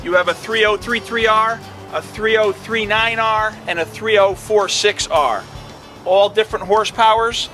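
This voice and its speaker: A man's voice: sits high, fairly even intonation, moderate pace, pushed and bright, soft background music. A middle-aged man, an equipment dealer salesman, giving a plain product walkthrough with fillers, outdoors on a lot and then inside a tractor cab.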